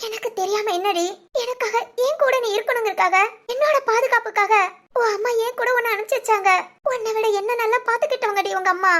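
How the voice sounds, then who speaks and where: A woman's voice: extremely high pitch, expressive, fast talker, a bit bright. A woman voicing a bossy, protective young friend in a cartoon, talking in a firm, scolding way. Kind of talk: cartoon voice acting.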